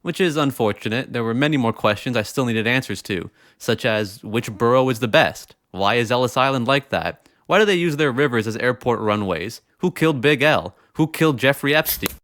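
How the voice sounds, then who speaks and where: A man's voice: mid-range voice, lively intonation, moderate pace, few pauses, fairly bright tone, no room sound. A man giving scripted comedic narration in a sarcastic, self-deprecating way. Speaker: video narrator.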